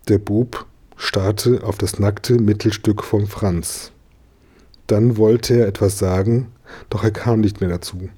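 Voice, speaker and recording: A man reading a children's storybook aloud in a calm, measured way. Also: on the low side, slightly rough. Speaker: narrator.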